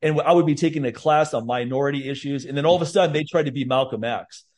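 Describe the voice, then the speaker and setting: A man with a slightly high, somewhat mellow voice talks fast. He's a podcast host in a casual chat, telling stories bluntly and heatedly with a lot of swearing.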